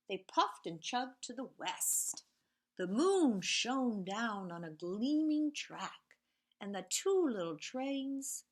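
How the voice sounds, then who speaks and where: Reading picture books to young kids, this mid-pitched woman sounds lively and sing-song. She occasionally goes quiet, whispering repeated sound words, and stops to show her listeners details on the page.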